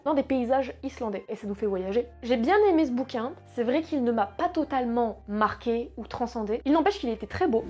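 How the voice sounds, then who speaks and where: A woman's voice: a little high, darkish tone. A woman in her twenties chatting casually about books she read, slangy and self-mocking. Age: 20s. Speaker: book vlogger. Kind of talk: casual book review vlog.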